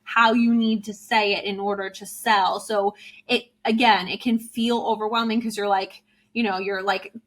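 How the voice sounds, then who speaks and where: A woman business coach talks through her advice in a relaxed interview. She speaks in a chatty, informal way and fills her sentences with "like" and "you know." Her voice sits at a middle pitch. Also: normal speed. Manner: chatty, explains with many fillers like "like" and "you know". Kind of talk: casual interview chat.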